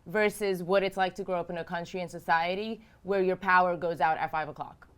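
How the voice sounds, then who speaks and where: A woman's voice: fairly low pitch, fairly even intonation, a little fast, smooth. A woman in her thirties from Romania, answering interview questions as a political candidate, earnest and emphatic, repeating phrases for emphasis. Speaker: House candidate.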